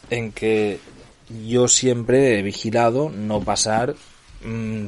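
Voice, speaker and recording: A middle-aged man from Spain with a Spanish accent, hosting a solo podcast and explaining things while often checking in with his listeners. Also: lowish voice. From Barcelona, Spain. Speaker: podcast host.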